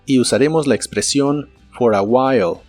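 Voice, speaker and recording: A man narrating a scripted English lesson in Spanish, slowly modeling each English word's pronunciation. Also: mid-range voice, a little mellow, faint music behind. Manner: slow, careful model pronunciation of English words. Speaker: English teacher.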